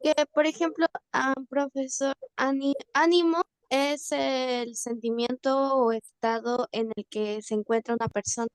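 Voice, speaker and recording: A woman's voice: high voice, fairly even intonation, a little slow, hardly any pauses, smooth, no room sound, poor audio. A woman student explaining a word difference in class, stumbling on one word. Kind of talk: answering in class.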